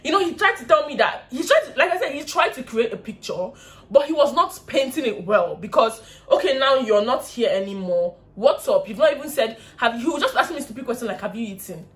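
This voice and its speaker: Young woman, Nigerian English accent, fairly high voice, casual storytime vlog, lively and laughing. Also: a little fast. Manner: animated, laughing, mimics others' voices. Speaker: vlogger.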